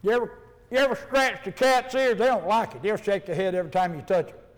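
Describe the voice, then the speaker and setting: Male preacher, Appalachian hillbilly accent, high-pitched voice, homespun Bible-teaching delivery, long hall reverb. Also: fast. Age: middle-aged or older. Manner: folksy, plainspoken. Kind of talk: sermon with verse-by-verse Bible teaching.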